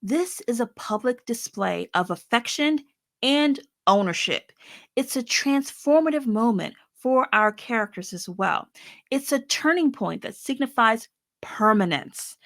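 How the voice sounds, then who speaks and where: A woman's voice: a little high, expressive, measured pace, fairly bright tone, dry recording. A woman hosting a podcast, giving earnest advice to fellow writers with light laughing asides. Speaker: podcast host and author. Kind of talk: instructional podcast talk to writers.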